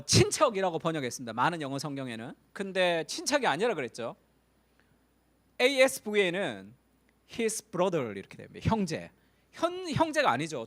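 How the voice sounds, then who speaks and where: A middle-aged male pastor giving a Sunday sermon, telling stories with animation and acting out the voices of the people in them. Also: sits high. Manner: animated storytelling, acts out quoted voices.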